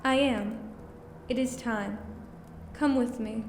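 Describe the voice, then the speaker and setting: An actress playing a serene, gentle ghost of the past in an audio drama, calm and otherworldly in manner. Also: female voice, a little high, takes it slowly. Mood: calm, beckoning. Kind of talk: audio theater acting. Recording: long echoing reverb over loud music.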